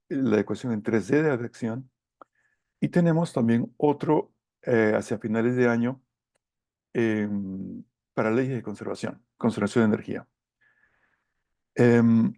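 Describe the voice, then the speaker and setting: A middle-aged man delivers a technical lecture in a relaxed, dark-toned voice with plenty of gravelly fry. He pauses and gropes for words as he explains his slides. The sound is close and dry. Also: medium pitch, no room sound. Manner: hesitant, halting, searching for words. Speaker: course lecturer.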